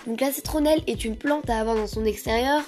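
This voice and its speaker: A woman's voice: on the high side, fast, a little mellow, faint music behind. A young woman hosting a casual gardening podcast, talking with many fillers and restarts. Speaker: podcast host.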